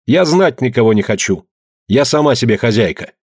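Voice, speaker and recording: A man reading a story, voicing a defiant young peasant woman who answers with sharp, biting retorts. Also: medium pitch, lively intonation, a little fast, husky, dry recording, studio quality.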